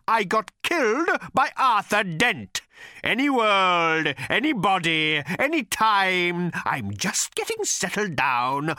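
A furious male creature out for revenge, swinging from a low, slow, rasping rumble to high bellowing shrieks. His voice swoops wildly and stays bright and sharp. It is recorded dry and close, with no room around it. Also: no echo, full character voice. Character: vengeful reincarnated creature, male, raging. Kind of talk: audiobook character voice.

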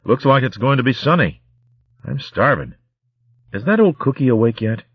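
A man's voice: mid-range voice, animated, moderate pace, breathy edge, no echo, lo-fi sound, pitched above the performer's own voice. A man voicing a cheerful young male shrew with a breezy, grinning manner.

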